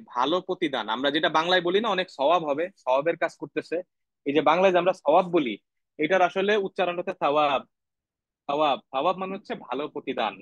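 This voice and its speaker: A man's voice: sits high, fairly bright tone, dry recording, dull audio. A man teaching a Quranic Arabic grammar lesson. He explains each word step by step, repeats key terms and often checks with the class.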